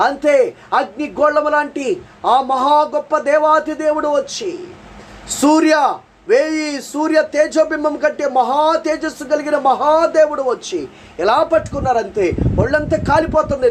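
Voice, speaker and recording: With a very high-pitched voice and a little hiss or hum on the recording, a male preacher gives a personal testimony sermon. He tells his story dramatically, repeating phrases and offering earnest, pleading prayers.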